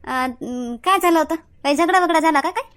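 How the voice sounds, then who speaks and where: A woman's voice: high voice, normal speed, fairly bright tone. A woman with a Varhadi Marathi accent, playing a nosy aunt in a village comedy skit who questions and dismisses. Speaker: older aunt figure in a comedy sketch. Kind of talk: scripted comedy skit dialogue.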